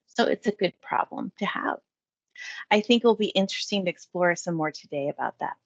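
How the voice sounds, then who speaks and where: A woman host introducing a guest and asking questions in a measured, explanatory way. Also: on the low side, animated, vocal fry, dry recording, lo-fi sound. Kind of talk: moderating a panel discussion.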